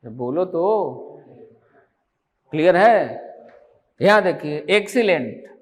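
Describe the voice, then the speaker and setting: A man's voice: fairly high pitch, lively intonation, slow. A man teaching an online exam-prep grammar lesson, asking his students question after question and answering them himself.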